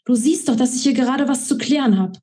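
A woman's voice: high voice, fast talker, warm tone, pitched above the performer's own voice, natural voice. A woman reading a moody young rock frontman. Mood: curt. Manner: curt, swearing.

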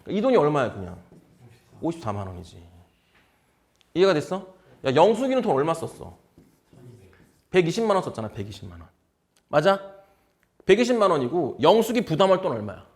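Male test-prep tutor, blunt and informal, animated pitch, keeps asking students if they follow. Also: brisk, pauses often. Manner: drilling with constant check questions. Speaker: exam prep lecturer. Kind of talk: casual math lecture.

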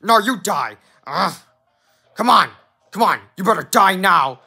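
A young fan voicing a boastful, short-tempered male penguin king who blusters, repeats himself and yells insults. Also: mid-range voice, lively intonation, measured pace, creaky, slightly rough, heavily acted. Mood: angry.

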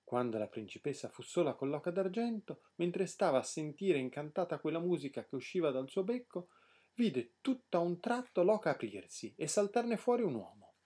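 A man narrates a fairy tale with an expressive, lively storyteller's delivery. His voice is husky and mellow, rising and falling widely. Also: fairly high pitch, normal speed.

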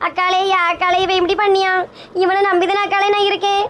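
A woman's voice: very high voice, level tone, quick pace, fairly bright tone. A woman with a Kanyakumari Tamil accent voicing a frightened, tearful young wife in a comedy skit. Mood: wailing. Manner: tearful, pleading.

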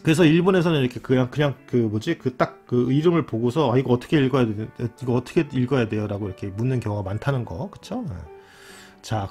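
A man gives a relaxed explanatory lesson, repeating his key words and often pausing to ask "right?". His pitch rises and falls in a lively, animated way. Soft guitar music plays faintly behind him. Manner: repeats key words, constant tag questions. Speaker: lecturer on a channel.

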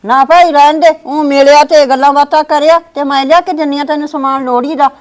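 A grumbling, quarrelsome old village mother, played by a woman in a homemade family drama. Her voice is high and her words come fast and steady. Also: lightly acted. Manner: complaining, grumbling.

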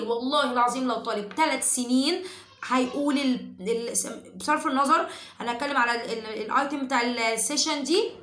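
High-voiced Egyptian woman teaching in an echoey room. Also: a bit bright. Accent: Egyptian Arabic. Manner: chatty, sings short chanted drills. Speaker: English teacher. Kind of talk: explaining and singing a lesson for parents.

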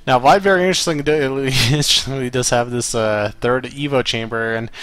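A man's voice: mid-range voice, clean tone. A man doing solo play-by-play commentary on a strategy game, tired after a long day, chatty and loose, often restarting his sentences. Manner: relaxed, chatty, self-correcting, occasional laughs. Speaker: esports caster.

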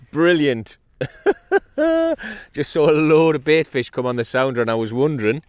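A man's voice: mid-range voice, measured pace, clean tone, no room sound. A man, chatting casually on a fishing vlog from a kayak at sea, upbeat and cheery. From North East England. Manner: chatty and upbeat, with excited bursts when a fish is hooked. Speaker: kayak angler. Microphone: action camera mounted on the kayak.

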